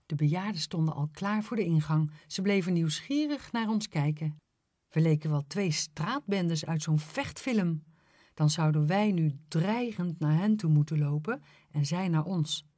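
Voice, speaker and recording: Slow, playful woman reading a storybook. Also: low-pitched, dry recording, studio quality. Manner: lively, playful. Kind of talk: children's storybook narration.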